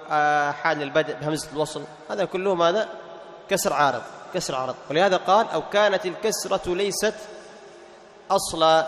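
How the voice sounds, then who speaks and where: A man teaching a tajweed class, asking his students questions, answering them and slowing down to recite examples. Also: high voice, a bit bright, echoey room, in a large hall.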